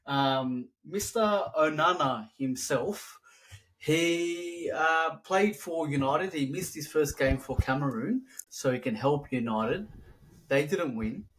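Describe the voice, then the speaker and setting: A man's voice: fairly high pitch, slow, a bit bright, poor audio. A man co-hosting a podcast, chatting casually about sport in a dismissive, sweary way. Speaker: podcast co-host.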